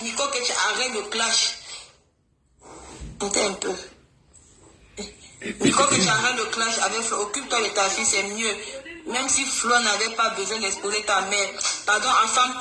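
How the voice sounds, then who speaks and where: A woman in a heated live-stream argument, scolding and mocking with lots of repetition. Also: fairly high pitch. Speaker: live-stream clash participant. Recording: echoey room with loud music.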